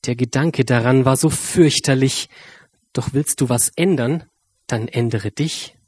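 A man reading a rhyming children's story aloud with a lively, drawn-out delivery. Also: medium pitch, breathy edge, no room sound.

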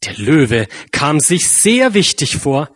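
Man, storyteller, rhyming children's story, very animated pitch, dry close sound. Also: breathy edge, no room sound. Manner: lively, drawn-out rhyming delivery.

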